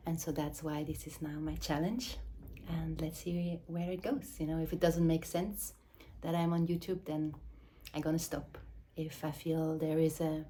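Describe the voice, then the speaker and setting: A woman speaks English as an in a low, level voice, slow and searching, pausing and restarting, sometimes sinking into a near whisper. A faint hiss of room noise sits under her. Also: flat delivery, warm tone. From Switzerland. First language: Swiss German or Dutch. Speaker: mother and movement teacher. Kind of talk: reflective spoken address to camera.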